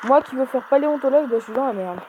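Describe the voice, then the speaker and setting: A young woman commenting casually on a mobile game she plays, chatty and hesitant, bursting out excitedly at her wins. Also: high voice, very fast, narrow, tinny audio, noisy background. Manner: chatty, rambling, many hesitations. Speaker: gaming video host.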